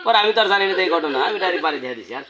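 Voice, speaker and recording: A man playing a blunt local driver who speaks roughly about the runaway husband. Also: high-pitched, animated, lo-fi sound, crowd noise. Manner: blunt, rough-spoken, fast.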